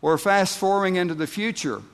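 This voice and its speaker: A man preaching a sermon as pastor, slow and deliberate, rising to emphatic outbursts. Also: high voice, clear, resonant tone. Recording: long reverb of a large hall.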